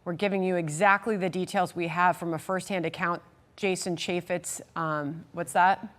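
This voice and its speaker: A woman's voice: on the low side, fairly even intonation, normal speed, fairly bright tone. A woman anchoring live breaking news, hesitant while relaying details.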